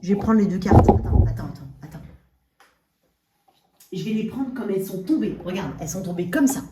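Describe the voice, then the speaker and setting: In a casual tarot reading aimed straight at the listener, a woman speaks briskly and expressively in a dark, mid-range voice. She keeps checking in with short tags, her braces slightly slur her words, and there's slight background noise.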